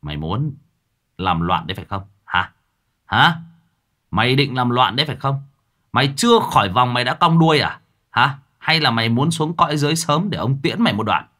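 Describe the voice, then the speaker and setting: A man playing a stern male exorcist who scolds and threatens in a gruff voice. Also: mid-range voice, animated, a little fast, bright, forceful tone. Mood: scolding.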